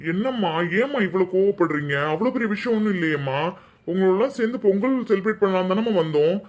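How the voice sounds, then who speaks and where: A young cartoon son with a fairly high voice and a Tamil Nadu accent, voiced by a man. He coaxes and pleads with his mother in a playful, affectionate way. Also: animated, fast talker, a little mellow. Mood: pleading. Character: cheerful grown son returning home, young man. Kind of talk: cartoon voice acting.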